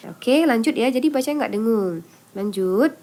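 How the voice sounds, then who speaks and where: A woman teaching Quran recitation rules in an online lesson. She explains patiently, step by step, poses questions and answers them herself, and draws out example syllables slowly. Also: on the high side, lively intonation, dark tone.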